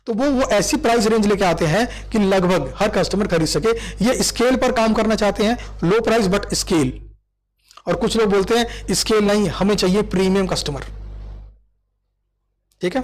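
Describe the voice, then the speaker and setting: A man giving a recorded commerce lecture, explaining with everyday examples and acted-out quotes. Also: high-pitched.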